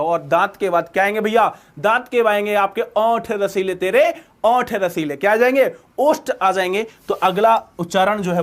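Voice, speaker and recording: A high-pitched male teacher runs an exam-prep lesson. He keeps firing questions at his students and answering them himself, hammering each point home.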